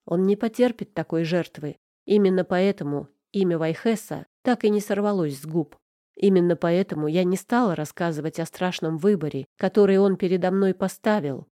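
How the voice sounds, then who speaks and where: A woman's voice: fairly low pitch, normal speed, warm tone, dry recording, studio quality. A woman narrating a first-person audiobook with emotional, tearful delivery.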